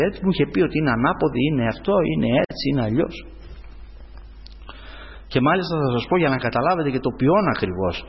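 A man preaching a sermon, telling a personal story and often calling his listeners brothers. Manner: animated storytelling, swings up in pitch. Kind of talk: sermon testimony. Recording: dull sound in a hall with long reverb.

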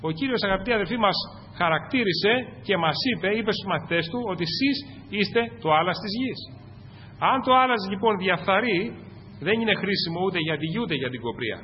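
A Greek man preaching a fervent sermon to his congregation, rising to loud peaks and dropping to low asides. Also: expressive, a little hiss or hum. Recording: muffled, echoing church recording.

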